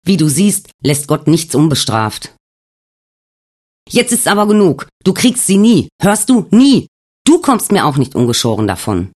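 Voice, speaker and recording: Enraged shouting husband, male narrator, husky, loud, audiobook. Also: a little high, big pitch swings, unhurried, pitched above the performer's own voice. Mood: furious. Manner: shouting, accusing. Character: furious grieving husband.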